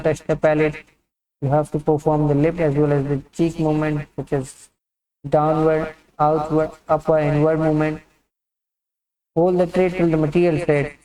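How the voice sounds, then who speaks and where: A man's voice: on the high side, dark tone. Man explaining dental steps, roomy sound. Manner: methodical step-by-step explaining. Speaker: dental instructor. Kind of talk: instructional demonstration narration. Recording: roomy and distant from the mic.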